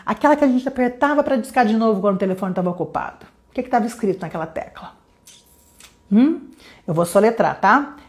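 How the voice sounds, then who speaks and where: A woman from Brazil teaching English on a live stream, chatty and lively, greeting viewers by name. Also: sits high. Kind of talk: live-streamed lesson chat.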